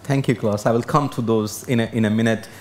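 A man's voice: medium pitch, fairly even intonation, fairly quick, slight background noise. A man moderating a conference panel, asking questions politely with some hesitation. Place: conference stage, indoors.

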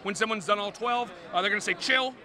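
Playful, bright-voiced man demoing games. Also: sits high, fast, a faint crowd. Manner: playful, animated, jokey salesman. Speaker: board game publisher representative. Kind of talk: convention floor game demo. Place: busy convention hall.

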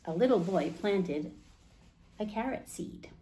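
With a medium-pitched, mellow voice, a woman in her forties reads a picture book to children in a small indoor room, expressive and unhurried. She hosts storytime in simple phrases, asking the listeners questions, and a little hiss or hum can be heard.

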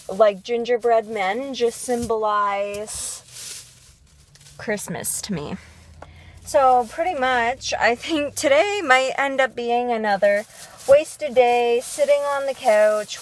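Young woman from Canada, vlogger, slightly high voice, rambling and chatty, unhurried. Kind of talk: casual video diary.

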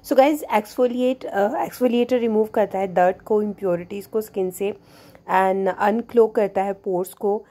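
A woman in her thirties with an Indian English accent talks straight into a camera in a small indoor room. She switches freely between Hindi and English, filling pauses with "you know", in a relaxed, chatty review tone. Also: medium pitch. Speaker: beauty vlogger. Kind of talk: product review vlog.

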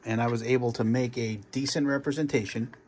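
A man's voice: medium pitch, steady tone, a little fast, darkish tone, a little hiss or hum. A man casually walking through his home flight sim cockpit, rambling and restarting his sentences. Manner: rambling, with many fillers and restarts. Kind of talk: casual show-and-tell walkthrough.

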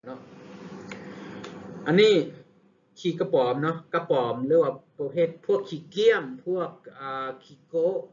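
A man with a Lao accent teaches English vocabulary at a very slow, deliberate pace, repeating each word several times before he explains it. His voice sits at an ordinary pitch. The recording sounds dull and lo-fi, with a faint hiss behind it. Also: a little mellow. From Laos. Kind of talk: vocabulary lesson.

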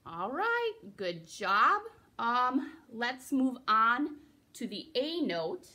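A woman's voice: on the high side, big pitch swings, extremely slow, sharp tone. A young woman giving a recorder lesson for children, patiently explaining and encouraging, counting her students in. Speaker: music teacher.

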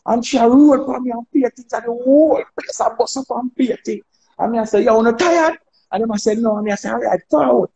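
A man with a Jamaican accent chatting on a phone livestream, telling animated stories, laughing and acting out dialogue. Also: very high-pitched. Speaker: dancehall artist on a live stream. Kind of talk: casual chat on a livestream.

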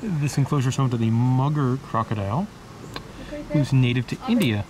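A man casually narrating a walk through a zoo, pointing out animals in a relaxed, chatty way. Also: mid-range voice, moderate pace. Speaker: zoo tour vlogger. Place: outdoor zoo walkways. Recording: outdoor noise around camera mic.

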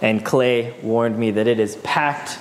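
A man's voice: mid-range voice, steady tone, a little slow, long reverb tail, a little hiss or hum. Upbeat man interviewing in a garage. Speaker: visiting video host. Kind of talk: casual interview. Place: large indoor garage workshop.

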